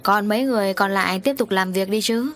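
A woman voicing a stern middle-aged man who runs a harbor crew, gruff and scolding, read as part of an audio story. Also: mid-range voice, fast talker, a bit bright, slight background noise, natural voice.

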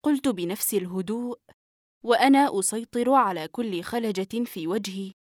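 A woman narrating a novel for an audiobook in a steady, even storytelling manner. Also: mid-range voice, normal speed, no room sound, clean studio sound.

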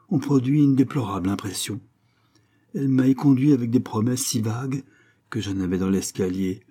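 A man reading a short story aloud in an expressive, lively way, with sudden lifts and hushed asides. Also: fairly low pitch, husky. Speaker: audiobook reader.

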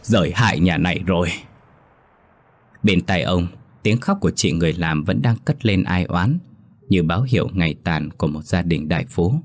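Low-voiced male narrator for a horror story, steady and dramatic. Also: normal speed, soft background music.

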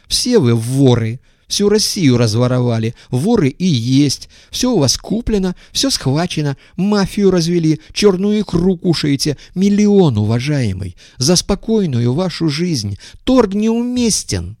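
A man voicing a jittery scheming man with a thin, squeaky voice who stammers as he bargains. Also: sing-song, unhurried, hardly any pauses, a little mellow, dry recording, studio quality. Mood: accusing.

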